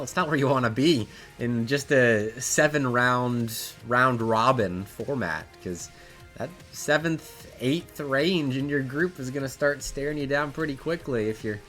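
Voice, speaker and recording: A man with a noticeably nasal, stuffed-up voice talks casually into a desk microphone, rambling and restarting his sentences as he sets up a match broadcast. His pitch sits in an ordinary middle range. Faint music plays underneath. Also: a bit bright. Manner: chatty, rambling, frequent restarts. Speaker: esports caster streaming a match. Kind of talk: casual stream commentary. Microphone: desk microphone at a home streaming setup.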